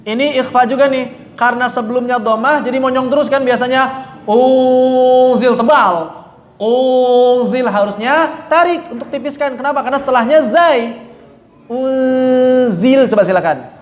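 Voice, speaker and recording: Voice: sits high, fairly quick. A Quran recitation teacher giving a classroom lesson, explaining step by step, demonstrating sounds, asking and answering their own questions and firmly correcting mistakes. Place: room with a class repeating after the teacher. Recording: echoey room, faint background noise.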